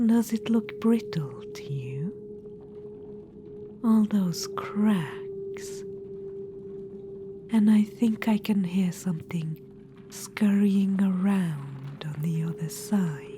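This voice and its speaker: Softly and without hurry, a woman whispers in character as a vain, plotting, ancient undead witch-queen, talking down to the listener and calling them darling. Her pitch is fairly low, and there is background noise in this ASMR roleplay.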